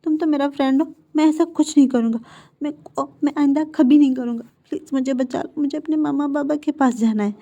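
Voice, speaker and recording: Brief: woman voicing a cornered young man, high and stammering, begging nonstop, mellow tone under the fear. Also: fairly even intonation, moderate pace. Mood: pleading, terrified. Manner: pleading, stammering, high and strained. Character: young man, frightened captive begging for mercy.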